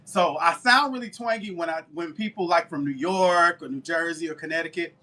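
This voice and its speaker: Southern US man, high bright voice, talkative live-stream baker. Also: a little fast. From Alabama, US. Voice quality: talkative, warm down-home manner. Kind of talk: casual chat with live viewers.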